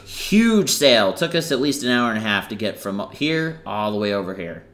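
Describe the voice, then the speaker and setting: A man's voice: on the low side, big pitch swings, moderate pace, a bit bright. A young man giving casual, rambling commentary over a game he is playing, full of fillers and self-corrections. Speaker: gaming channel host.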